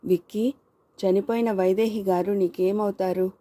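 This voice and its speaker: A woman voicing a male public prosecutor who questions a child witness in brisk, coaxing tones. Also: mid-range voice, steady tone, warm tone, no echo, natural voice. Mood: questioning.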